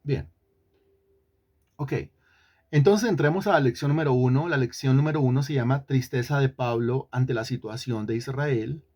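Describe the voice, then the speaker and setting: A man's voice: mid-range voice, normal speed, a little mellow. A man teaching an online Bible lesson, often repeating himself and putting questions to the students. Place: online class.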